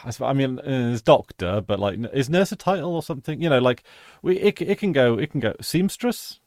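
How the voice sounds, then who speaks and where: A man's voice: mid-range voice, fairly quick, darkish tone, dry recording. Dry-sounding rambling British man. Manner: rambling, self-interrupting, jokey. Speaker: podcast co-host. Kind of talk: casual chat.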